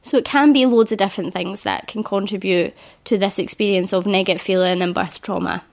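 A woman in her thirties, a birth educator, hosts a solo podcast. Her medium-pitched voice is slightly croaky from illness, and she speaks a little fast in an earnest, reassuring way.

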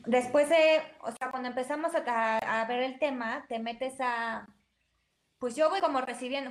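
A woman, a guest practitioner explaining her work in casual conversation. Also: high voice. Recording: echoey room.

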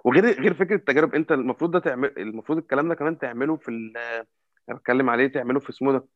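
Casting: Egyptian-accented man, quick but halting casual sports talker, dry, slightly muffled lo-fi sound. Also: medium pitch, no echo. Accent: Egyptian Arabic. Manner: halting, repetitive, often searching for words. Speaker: football fan commentator. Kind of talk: casual football discussion.

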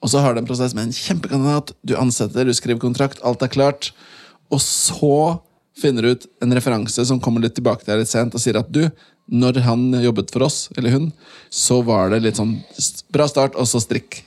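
A man co-hosting a podcast who calmly lays out a practical scenario step by step. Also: mid-range voice. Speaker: podcast co-host. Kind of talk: casual interview chat. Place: studio in a city.

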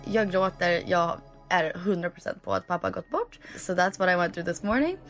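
A young woman telling a story in casual chat, animated and mixing in English phrases. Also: fairly low pitch, faint music behind.

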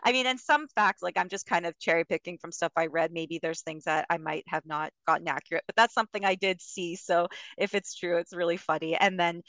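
A woman hosting a podcast in casual chat, laughing often and acting out scenes in quick impressions. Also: on the low side, a bit bright, no echo. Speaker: podcast host.

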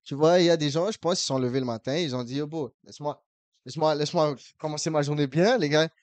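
Animated man, higher voice. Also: fast, no room sound. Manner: animated storyteller mixing in English slang. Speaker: podcast co-host. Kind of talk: casual chat between friends.

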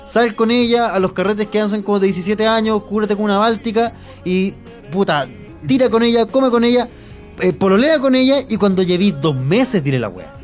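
High-voiced Chilean man bantering. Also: lively intonation, normal speed, faint music behind. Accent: Chilean Spanish. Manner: swears often, insistent, teasing. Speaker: podcast co-host. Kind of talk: casual comedic banter.

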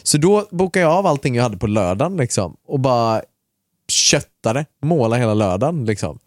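A man co-hosting a podcast, casually telling a long anecdote in a relaxed, chatty way with lots of filler words and mild swearing. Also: mid-range voice, no room sound, studio quality. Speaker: podcast co-host.

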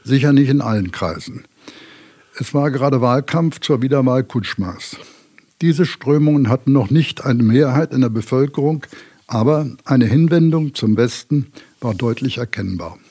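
A man, a former school official, giving a prepared account in a calm, matter-of-fact way. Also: mid-range voice, moderate pace, slightly rough.

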